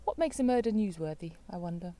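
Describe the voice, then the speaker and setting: Woman from Britain, co-host, casual chat, lively swooping pitch, incredulous rhetorical questions. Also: fast talker.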